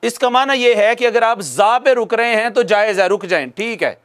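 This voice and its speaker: Male recitation teacher from Pakistan, high-pitched, patient, repeats himself for emphasis. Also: normal speed, fairly bright tone. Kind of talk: video lesson to viewers.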